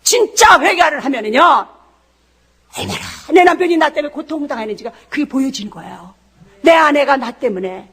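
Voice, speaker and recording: A woman missionary preaching a fervent testimony sermon, blunt and earthy, often shouting and laughing as she asks the crowd rhetorical questions. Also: high-pitched. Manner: impassioned, often shouting and laughing mid-sentence; blunt, earthy, uses crude slang.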